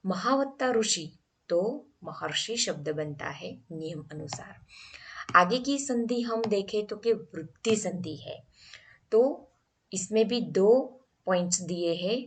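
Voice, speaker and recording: A woman's voice: mid-range voice, animated, slow, a little hiss or hum. A woman teaching a grammar lesson, explaining each rule step by step and asking the class questions.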